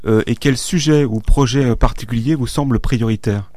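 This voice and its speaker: A man interviewing a local candidate, asking his questions haltingly with frequent fillers. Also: medium pitch, a little mellow, dry recording. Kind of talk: radio-style interview questions.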